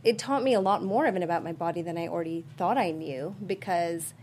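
A woman from Sri Lanka, a guest on a talk show, explaining her fitness routine and skincare products in an earnest, measured way. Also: on the low side, darkish tone, a little hiss or hum. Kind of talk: casual talk-show chat.

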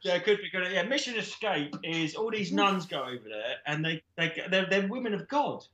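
A man pitches a ridiculous film plot in a rambling, comic way, his voice bright and swooping up and down. The room around him rings with echo, and he acts out each line with gusto. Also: fairly quick. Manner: rambling, animated, breaks into laughter while acting out scenes. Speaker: podcast guest pitching made-up films. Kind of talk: comedic storytelling chat. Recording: roomy echo.

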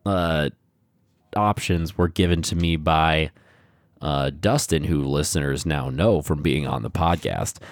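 A man's voice: rumbling low, a little slow, no echo, clean studio sound. A man co-hosting a podcast in casual chat, rambling with many fillers and restarts, on a podcast mic. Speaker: podcast co-host. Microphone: podcast microphone.

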